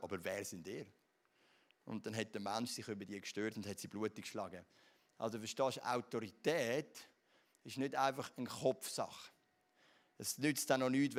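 A middle-aged man with a Swiss German accent, preaching a sermon as pastor, lively and dropping soft to stress points. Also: mid-range voice.

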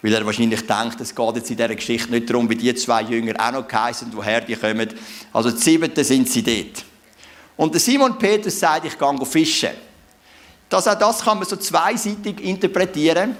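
A man's voice: mid-range voice, fairly even intonation, a little fast, a bit bright. A man with a Swiss German accent preaching a sermon, telling the story conversationally and asking rhetorical questions.

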